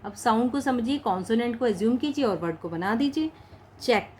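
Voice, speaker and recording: A woman teaching a shorthand lesson in Hindi mixed with English words. She speaks patiently, slowly says each practice word and repeats it. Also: on the high side, expressive, dark tone, a little hiss or hum. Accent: Indian English words mixed into Hindi.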